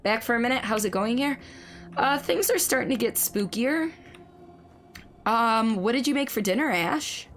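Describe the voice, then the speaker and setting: Chatty woman streamer, slightly hoarse. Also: fairly high pitch, animated, moderate pace, a little hiss or hum. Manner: chatty, reads and answers chat. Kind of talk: live gameplay commentary.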